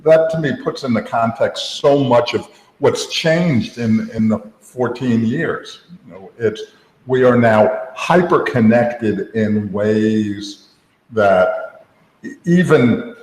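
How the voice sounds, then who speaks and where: A man's voice: medium pitch, slow, darkish tone. A man co-hosting a casual tech podcast, rambling with many restarts and "you know" fillers. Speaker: co-host. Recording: echoey room with long reverb.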